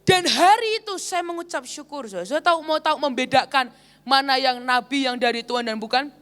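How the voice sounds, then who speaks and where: A woman's voice: high-pitched, a bit bright. A woman evangelist preaching a sermon at a church service, telling a story and often addressing the congregation directly.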